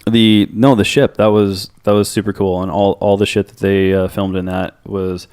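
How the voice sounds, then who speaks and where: A man's voice: low-pitched, normal speed, smooth. A man co-hosting a movie podcast, talking casually and rambling, with free swearing. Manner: swears freely, animated and rambling. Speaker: podcast co-host.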